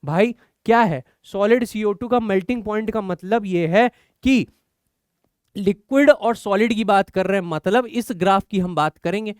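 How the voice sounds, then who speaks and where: High, clear-voiced man teaching chemistry. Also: normal speed, dry recording, studio quality. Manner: encouraging, explains step by step with rhetorical questions. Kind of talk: online exam-prep lecture.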